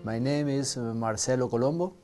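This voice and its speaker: An Argentine man, a native Spanish speaker with an Argentine accent, speaks earnestly in an interview as a federal prosecutor, halting and restarting as he goes. His pitch is medium, and music plays underneath.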